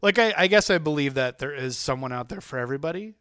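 A man hosting a podcast, chatting casually in a rambling, animated way that often stops and restarts mid-sentence. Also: a little high, fast, smooth, no room sound, clean studio sound. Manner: rambling, self-interrupting, animated. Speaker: podcast host. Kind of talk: casual chat.

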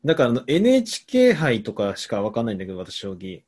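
A young adult man hosting a casual comedy chat, reading out listener answers and spinning playful, deadpan absurd riffs. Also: mid-range voice, fast, breathy edge. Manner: playful, riffing on jokes with deadpan absurd claims.

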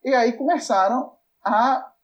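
A man with a Brazilian accent telling a story in a casual chat, animated and laughing often as he acts out the dialogue. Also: extremely high pitch, unhurried, lo-fi sound.

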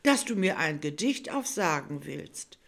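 A woman's voice: low-pitched, very animated, unhurried, creaky, exaggerated voice. Jolly old Saint Nicholas, kindly and encouraging, storybook style, voiced by a woman. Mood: friendly. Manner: friendly, praising.

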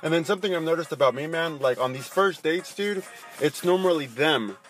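A man's voice: on the high side, fairly quick, a bit bright, faint music behind. A man talking like a cocky frat bro in a casual podcast chat, full of slang and swearing. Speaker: podcast co-host.

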